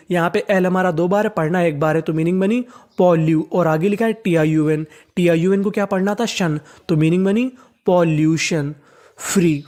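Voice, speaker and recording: An English teacher giving a step-by-step reading lesson, spelling words out letter by letter, then pronouncing each one slowly and repeating it, with rhetorical questions to the learner. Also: medium pitch, warm tone.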